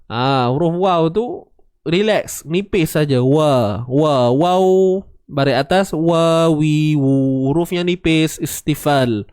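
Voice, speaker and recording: A patient man teaches Quranic recitation, pausing to sound out and repeat syllables. His voice is smooth and clear, unhurried and a bit raised in pitch. It is heard close and dry, with no room around it. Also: darkish tone, no room sound. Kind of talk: tajwid lesson with recited examples.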